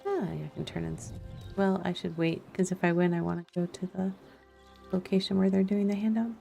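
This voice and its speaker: Brisk and warm with vocal fry, a lowish female voice delivers casual let's-play commentary in fairly even intonation. She mutters and reasons aloud while playing, accompanied by chill music and in-game sounds.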